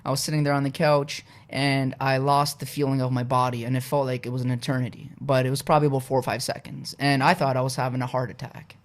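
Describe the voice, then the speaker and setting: Man, from Poland, podcast guest, casual storytelling, mid-pitched, relaxed, filler-heavy. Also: fast, few pauses. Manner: relaxed, frequent "uh" and "you know" fillers.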